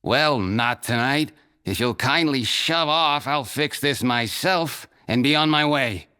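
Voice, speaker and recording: A man voicing a feisty, gruff female goblin mechanic in a storybook reading, with a snappish, defiant manner. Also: medium pitch, takes it slowly, sharp tone, pitched above the performer's own voice. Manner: snappish and defiant, turning to frightened pleading.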